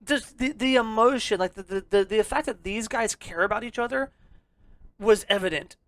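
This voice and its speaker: A podcast co-host in casual chat, talking excitably and rambling with lots of swearing. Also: medium pitch, moderate pace, no echo.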